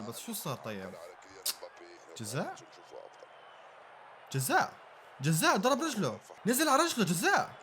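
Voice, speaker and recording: A young man giving a live reaction to a football match, excitable and bursting into shouts and laughter at big plays. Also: a little high.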